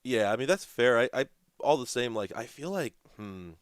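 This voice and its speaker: A man's voice: mid-range voice, animated, normal speed, smooth, no room sound, clean studio sound. A man in his thirties co-hosting a casual livestream chat, rambling and joking with a ready laugh. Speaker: livestream co-host.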